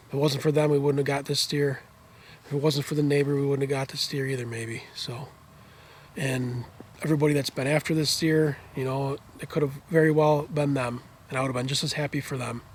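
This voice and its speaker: A man recording himself outdoors after a hunt, talking in an excited, rambling way to his viewers. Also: medium pitch, slight background noise. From Western New York. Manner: breathless, thrilled, rambling. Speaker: hunter filming his hunt. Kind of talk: excited outdoor vlog talk. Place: outdoors in woods and fields.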